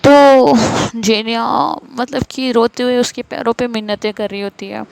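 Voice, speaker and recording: Female storyteller, fairly high voice, loose chatty recap full of fillers. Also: a little slow, vocal fry, darkish tone, clean tone, no room sound, rough recording. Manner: chatty, many fillers and self-corrections. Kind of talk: casual story retelling.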